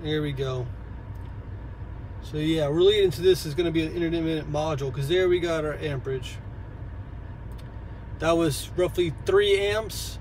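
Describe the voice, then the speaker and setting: A man's voice: on the high side, normal speed, pauses often, darkish tone, a little hiss or hum. A man in his thirties, an auto technician, explaining a repair step by step in a casual how-to voice from inside a parked car, recorded on a phone held close.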